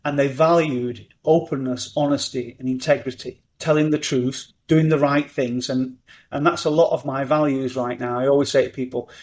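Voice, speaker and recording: A middle-aged man, talking as a podcast guest in an animated, upbeat way. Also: medium pitch. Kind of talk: conversational interview.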